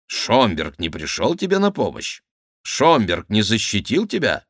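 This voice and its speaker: Man voicing an anxious king, urgent questions, middle pitch, lively intonation, dry close sound. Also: unhurried, dry recording, heavily acted. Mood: questioning. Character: worried middle-aged king, anxious and commanding.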